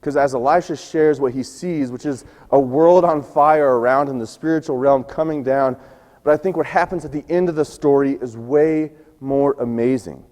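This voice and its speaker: Guy giving a sermon, voice kinda going hoarse, echoey church hall. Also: medium pitch, moderate pace, darkish tone. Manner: storytelling, acts out quoted lines. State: losing his voice. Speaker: preacher. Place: church sanctuary.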